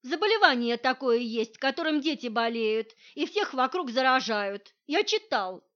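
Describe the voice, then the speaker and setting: A woman's voice: high voice, sing-song, moderate pace, a bit bright. A woman reading the part of an anxious, overprotective young husband who insists stubbornly, in a dull lo-fi recording.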